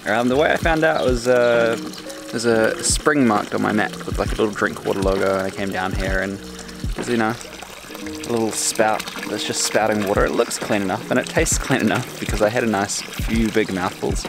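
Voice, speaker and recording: A young New Zealand man talks to his camera in a relaxed, rambling way, laughing at himself as he goes. His voice sits fairly low with a gravelly edge, picked up by an on-camera mic outdoors, and music plays clearly underneath. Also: normal speed. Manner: rambling, easygoing, self-deprecating. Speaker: bicycle touring vlogger. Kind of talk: casual vlog chat to camera. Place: outdoors in a forest campsite and on the road. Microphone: on-camera shotgun mic. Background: background music.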